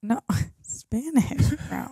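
A woman's voice: drawn-out words, dark tone, dry recording, clean studio sound. A young woman co-hosting a reaction show, giving laid-back, teasing replies. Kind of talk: casual chat.

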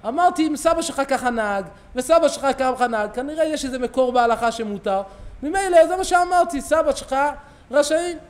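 A rabbi's sermon in a synagogue, delivered by a middle-aged man with a strikingly high voice. He tells stories lively and acts out each character's lines as he goes. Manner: animated storyteller, acting out quoted dialogue. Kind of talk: sermon with storytelling.

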